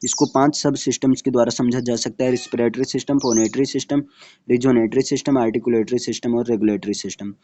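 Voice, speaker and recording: A man teaching a lecture from slides. He repeats each definition and keeps asking whether it is clear, and he slows down when he says English technical terms. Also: mid-range voice, steady tone, mellow, highs cut off, slight background noise. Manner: checks in often with "clear hai?". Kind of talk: Hindi lecture walking through slides.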